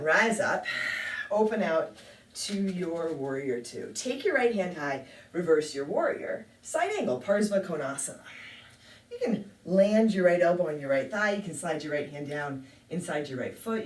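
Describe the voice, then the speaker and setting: A woman teaching a yoga class, calmly calling out poses and breaths with a touch of self-deprecating humor. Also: on the low side. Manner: calm cueing with light self-deprecating humor. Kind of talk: guided yoga class instruction. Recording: echoey room, mic at a distance.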